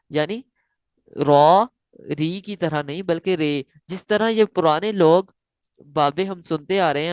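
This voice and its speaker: A woman teaching Quran recitation in a slow, step-by-step lesson. She explains each rule, then chants the example slowly and repeats it. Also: on the low side, dry recording, clean studio sound. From South Asia.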